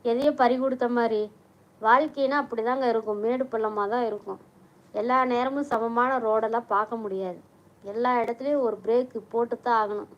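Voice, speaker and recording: A middle-aged woman hosting a casual live stream, chatting warmly with viewers, reading out their comments and mixing in English words. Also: a little high, fairly even intonation, a little fast, lo-fi sound.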